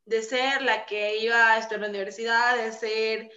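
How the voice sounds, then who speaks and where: A woman in her twenties telling her story in a casual podcast chat over a video call, animated and full of fillers. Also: fairly high pitch, normal speed. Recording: echoey lo-fi call audio.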